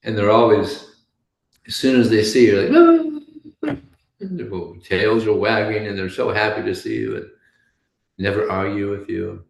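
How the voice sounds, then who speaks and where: A deep-voiced man with a gravelly edge gives a relaxed scripture class, telling stories and laughing softly as he goes. His talk echoes through a roomy space. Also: moderate pace. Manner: chatty storytelling with frequent soft laughs. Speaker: devotional class speaker.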